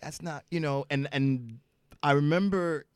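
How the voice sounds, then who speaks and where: A man's voice: fairly high pitch, measured pace, clean tone, dry recording, studio quality. A man co-hosting a casual talk show, telling a candid personal story and acting out the voices in it. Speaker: co-host. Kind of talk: casual chat. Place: studio.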